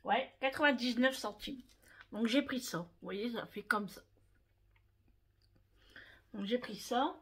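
A woman's voice: fairly high pitch, takes it slowly, pauses often, fairly bright tone, breathy edge. A woman casually showing her shopping haul to her viewers, chatting to them directly and often tagging "hein" onto her sentences. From France. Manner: chatty, talks straight to viewers, fond of "hein".

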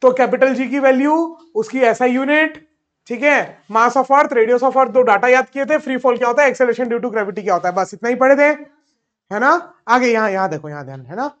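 A man teaching a physics lesson in Hindi mixed with English terms. He keeps asking questions and answering them himself, and he slows right down when dictating. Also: very high-pitched, a bit bright, muffled recording. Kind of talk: classroom physics lecture.

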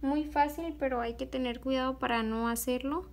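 A young woman giving a slow, patient, step-by-step beadwork tutorial, pausing often on fillers as she works. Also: sits high, steady tone.

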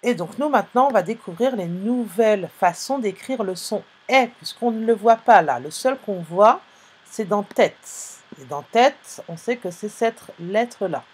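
A woman teaching young children to read in a live online lesson, going slowly and patiently as she spells out sounds and letters. Her voice is a little breathy, and the pace is unhurried throughout. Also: mid-range voice, lively intonation. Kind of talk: phonics lesson for young pupils. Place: online class, live stream.

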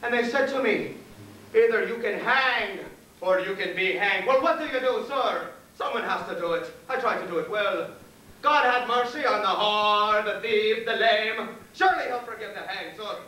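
A fawning, jittery Irish convict hangman, played by an actor on stage, rambles and pleads in a high, bright voice, saying sir at every turn. He sounds distant and echoey in a theater, with a faint hiss. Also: moderate pace. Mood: rambling. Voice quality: wheedling, deferential, endlessly says sir. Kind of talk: live stage play acting.

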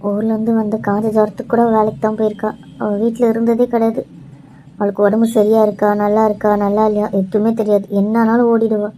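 A woman's voice: medium pitch, monotone, fast talker, dark tone, a little hiss or hum, low-quality recording. A woman playing a fretful, scolding mother in a scripted family drama. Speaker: mother and in-law in a family web series.

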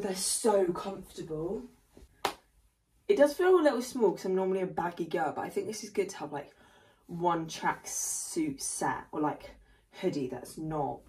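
Young woman, husky, rambling vlog chat. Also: lowish voice. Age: young adult. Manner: chatty and rambling, full of fillers. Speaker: vlogger.

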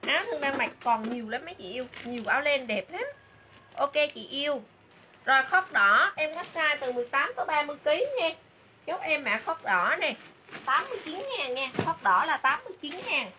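A woman doing a livestream sales pitch for clothes, chatty and repeating item names and prices again and again. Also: expressive, a little fast, background noise. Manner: chatty, calls viewers "dear sisters".

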